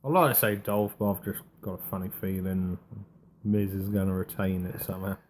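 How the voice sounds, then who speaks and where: Low-voiced man, unimpressed wrestling co-host. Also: steady tone, brisk, darkish tone, a little hiss or hum. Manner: unenthusiastic, dismissive. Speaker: podcast co-host. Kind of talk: casual chat.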